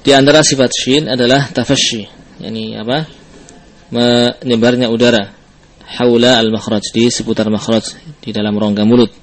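A man with a mid-range voice and flat delivery teaches a tajwid lesson at a moderate pace. He patiently explains each sound, demonstrates letter sounds repeatedly, and drills them while mixing in Arabic terms.

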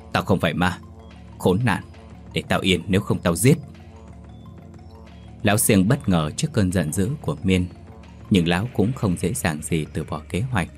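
A man reading a ghost story aloud with a steady, dramatic delivery. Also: low-pitched. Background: faint background music.

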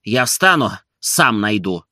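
A man voicing an idle, fussy gentleman who scolds his servant impatiently in a storybook reading. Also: on the low side, very animated, slow pace, dry recording, studio quality, exaggerated voice.

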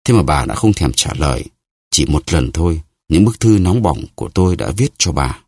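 A man's voice: very deep voice, expressive, moderate pace, a little mellow, no echo, studio quality, full character voice. Man doing a vain boastful musketeer. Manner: haughty, self-pitying.

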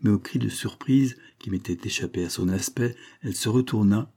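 A man reading a classic literary story aloud in a measured, storytelling manner. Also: fairly low pitch, gravelly, warm tone, husky. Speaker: audiobook reader. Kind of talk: scripted narration of a 19th-century story.

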